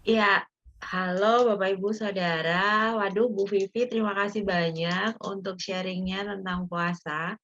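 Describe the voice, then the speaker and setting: A woman's voice: medium pitch, fairly even intonation, unhurried, fairly bright tone. Woman hosting church bible study chat, casual and filler-heavy, bit muffled lo-fi sound. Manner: chatty, many fillers, acts out her own past thoughts. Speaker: host. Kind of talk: casual church talk-show moderation.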